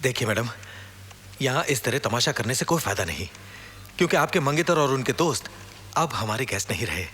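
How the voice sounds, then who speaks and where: An actor playing a polite, deferential hotel clerk speaking to a guest. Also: male voice, medium pitch, lively intonation, a little fast, long pauses, a little hiss or hum, natural voice. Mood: calm. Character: smiling, courteous male hotel clerk. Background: loud film score music.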